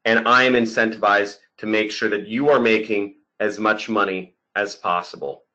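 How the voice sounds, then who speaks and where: A man giving an online sales pitch as a marketing coach, emphatic, repeating key points and often checking in with the listener. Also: steady tone, normal speed, pushed and bright, highs cut off. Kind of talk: webinar sales pitch over slides.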